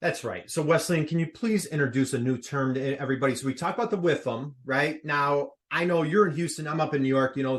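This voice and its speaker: A man hosting a live online workshop, upbeat and playful, quizzing his audience over a video call. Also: fairly high pitch. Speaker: workshop host.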